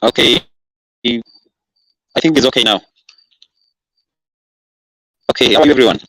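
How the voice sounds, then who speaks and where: A man's voice: fairly low pitch, a bit bright, no room sound. Caller: man, hesitant, dry close sound, glitching distorted online-call audio. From Kenya. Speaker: caller in an online political discussion. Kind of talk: casual opinion on a call. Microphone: earphone headset on an online call.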